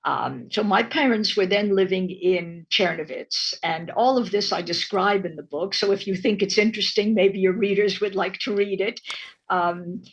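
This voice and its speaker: A woman in her eighties, born in Romania and raised in Canada, speaking thoughtfully with many pauses as a guest on a video call from her home study. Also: medium pitch, husky, dull audio. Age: 80s. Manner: slow, thoughtful, with frequent ums. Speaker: guest, retired professor and author. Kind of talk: interview over video call. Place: home study lined with bookshelves.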